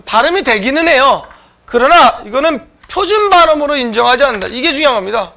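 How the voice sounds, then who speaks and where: A man's voice: extremely high pitch, animated, fast talker, creaky, sharp tone. A man teaching an online exam-prep lecture, explaining answers to viewers with frequent filler sounds.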